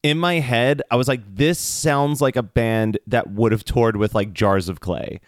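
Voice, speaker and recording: A man co-hosting a casual music chat, speaking in a relaxed way with lots of "like". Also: mid-range voice, measured pace, no echo, studio quality. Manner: relaxed, fills in with "like". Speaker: podcast co-host.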